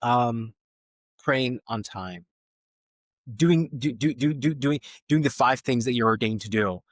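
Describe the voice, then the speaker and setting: A man's voice: mid-range voice, measured pace, dry recording, studio quality. A man hosting a podcast conversation, thoughtful and searching as he frames his questions. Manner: thoughtful, searching, many fillers and restarts. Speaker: podcast host.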